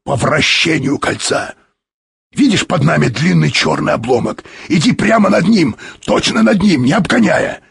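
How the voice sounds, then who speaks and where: A man's voice: medium pitch, expressive, moderate pace, vocal fry, hardly any pauses, slight background noise. A man voicing a tense, irritable male space explorer who gives curt, urgent orders and sometimes drops to a whisper.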